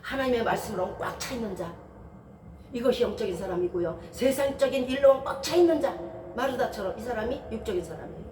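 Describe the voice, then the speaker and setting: A woman's voice: on the high side, lively intonation, fast talker, a little mellow, distant mic, a little hiss or hum. A woman pastor giving a Sunday sermon in a conversational way, asking many rhetorical questions and briefly acting out people's voices. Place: church sanctuary. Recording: roomy church, voice from afar.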